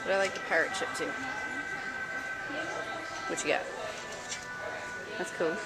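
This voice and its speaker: A woman's voice: fairly low pitch, fairly even intonation, measured pace, over loud music. A young woman chatting casually and teasingly while filming a vlog, often giggling. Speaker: vlogger. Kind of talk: casual chat. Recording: noisy handheld camera audio.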